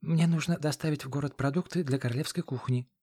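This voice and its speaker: Brief: man doing an old, loyal driver, steady and sure, a touch higher than the narrator, dry studio sound. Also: fast, dry recording. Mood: confident. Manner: confident, then faint and weak.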